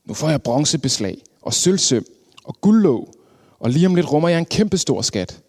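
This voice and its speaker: A man's voice: fairly high pitch, big pitch swings, a little mellow. A man voicing a proud young tree in a storybook, speaking dreamily and eagerly about its hoped-for riches. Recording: long hall reverb.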